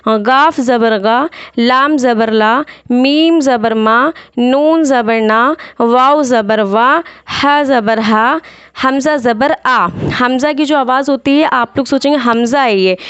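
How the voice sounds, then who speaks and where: A woman teaching a reading lesson, slowly reciting letters and sounds one by one, then explaining quickly and patiently. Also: a little high, smooth, dry recording, dull audio.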